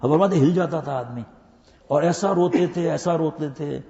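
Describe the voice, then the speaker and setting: A fairly high-voiced older man preaches to students, swinging between loud fervent urging and slow, hushed storytelling. His voice rings around a large echoing hall, captured on a dull, lo-fi recording. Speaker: Islamic scholar giving a talk to madrasa students. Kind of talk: Urdu religious talk with anecdotes. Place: mosque or madrasa hall.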